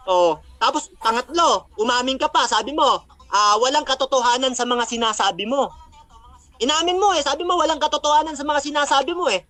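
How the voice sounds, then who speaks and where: Guy with a really high bright voice mocking a debate opponent, throws bible verses around. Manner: taunting, cites Bible verses; laughs at his opponent. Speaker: religious debater.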